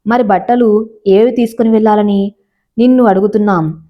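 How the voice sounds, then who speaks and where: A caring young husband speaks calmly and reassuringly, read by a woman in her everyday voice. The voice stays at a middle pitch, with slightly muffled, lo-fi audio. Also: moderate pace, natural voice.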